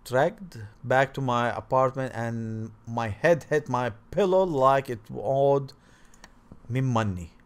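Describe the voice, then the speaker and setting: Slow and clean in tone, this mid-range male voice dramatically reads out visual novel text for a gaming video. The host trips over words now and then and adds casual asides, while game music plays in the background.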